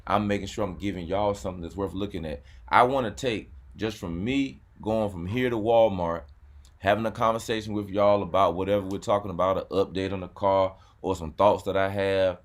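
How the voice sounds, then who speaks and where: Here a car channel host on YouTube chats casually in a low, steady voice at a slightly fast clip. Relaxed in manner, he repeats himself and keeps saying "man."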